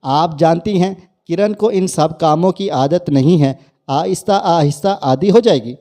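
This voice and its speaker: A man voicing a gentle, loving young husband who speaks softly in a family story. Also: fairly high pitch, lightly acted. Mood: pleading. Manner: soft, tender.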